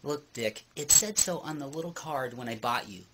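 A man's voice: mid-range voice, moderate pace, sharp tone, low-quality recording. A man in his thirties, a ventriloquist playing the flustered, protesting straight man in a comedy act. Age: 30s. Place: small indoor room.

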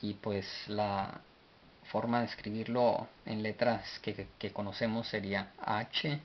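A man teaching a language lesson, slowly spelling words out letter by letter. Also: fairly low pitch, little pitch movement. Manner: slow and deliberate, spells letter by letter. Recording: dull lo-fi recording with faint hiss.

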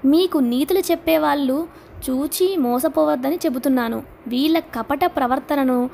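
A woman's voice: sits high, normal speed, creaky, mellow, slight background noise. Scornful ranting man, read by a woman. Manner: accusing, mocking, relentless. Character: defiant scornful man haranguing a crowd. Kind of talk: audiobook character reading.

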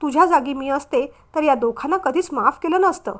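A woman's voice: high-pitched, a little fast, a bit bright. A woman voicing a scheming young woman who talks in a coaxing, persuasive way. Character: scheming young sister-in-law, soothing outside.

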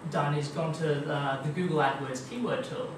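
Guest speaker at a marketing meetup, a young Australian man talks at a moderate pace in a voice on the high side with fairly even intonation. His casual tech talk is chatty, with many ums and kind-ofs. The dim meeting room has a projector screen, and the far room camera makes the recording echoey, distant, and noisy.

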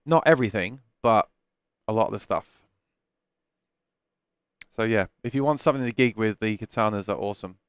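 With a fairly low, smooth voice at a moderate pace and long pauses, a man in his thirties fields viewer questions on a casual live stream, often restarting his sentences. He talks candidly through a headset mic in his small home studio, and the recording is dry.

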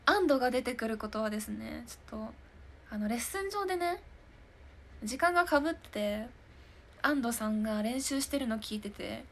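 Chatty giggly girl in her 20s answering comments on a stream, voice a bit high, faint room noise. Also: animated, normal speed. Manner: giggly and chatty, often laughing. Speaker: idol hosting a live stream talk show. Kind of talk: casual chat answering viewer comments.

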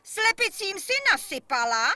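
A high, sharp Czech puppet-show voice of a scheming stepmother. She scolds and orders with big swoops of pitch. The stage recording has faint noise behind it. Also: very animated, full character voice. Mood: bossy scolding. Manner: scolding, domineering, theatrical. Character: scheming, bossy stepmother, nagging and cruel. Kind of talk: Czech puppet theatre character voice. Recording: noisy recording of a stage performance.

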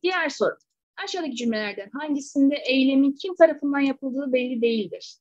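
High-voiced woman teacher solving exam questions. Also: dry recording. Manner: explains step by step, asks rhetorical checking questions. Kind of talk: exam question walkthrough lesson. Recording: slightly dull, dry close recording.

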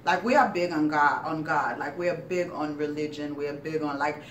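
A woman's voice: sits low, moderate pace, echoey room, recorded from a distance, slight background noise. A young woman from Sierra Leone chatting casually to her viewers as a vlogger, laughing often and filling her talk with fillers. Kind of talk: casual chat.

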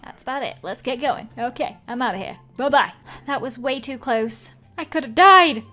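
A woman's voice: a little high, moderate pace, a bit bright. A woman hosting a gaming video with casual commentary, thinking aloud in a chirpy, exclamatory way into a close microphone.

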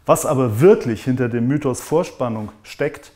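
A man in his forties calmly and methodically explaining ski design in a workshop tutorial. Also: mid-range voice, moderate pace, slight background noise. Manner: calm, methodical, demonstrates with hands. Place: indoor wood workshop.

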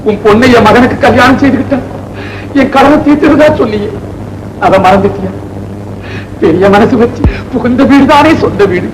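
A man's voice: very high voice, moderate pace, pauses often, reverberant, slight background noise, low-quality recording. An actor playing an aging father ruined by debt, pleading and lamenting in old film style. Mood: indignant. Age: older. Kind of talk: 1960s film acting. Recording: old film soundtrack with music.

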